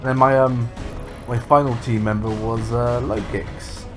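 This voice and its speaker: A man's voice: mid-range voice, steady tone, moderate pace, music in the background. A man streaming a game, chatting casually in a rambling way, trailing off and swearing as he goes. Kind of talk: casual livestream chat.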